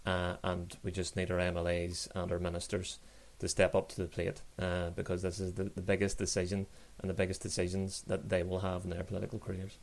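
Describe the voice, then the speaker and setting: A man speaking as a podcast guest, earnest and halting, with many restarts. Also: low-pitched, monotone, creaky. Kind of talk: discussion.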